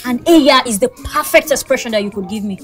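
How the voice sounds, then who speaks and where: A woman's voice: a little high, fast, faint music behind, natural voice. An actress with a Nigerian accent playing a lovesick, dramatic, determined young woman in a comedy skit. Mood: exasperated longing. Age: young adult. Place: outdoors in a street and inside a small shop.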